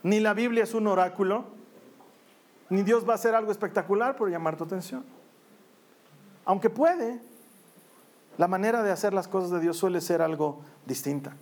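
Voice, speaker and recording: Jokey priest preaching. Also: male voice, high voice, moderate pace, long pauses. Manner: conversational, humorous storytelling. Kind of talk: sermon.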